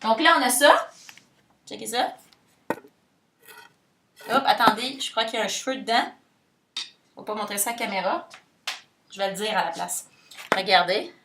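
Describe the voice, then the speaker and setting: A woman's voice: medium pitch, normal speed, pauses often, far from the mic. A woman with a Québécois accent hosting a playful, jokey home cooking vlog, slipping English words in and singing little chants. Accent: Québécois French. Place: home kitchen. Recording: echoey kitchen with loud mixer noise. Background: electric hand mixer whirring.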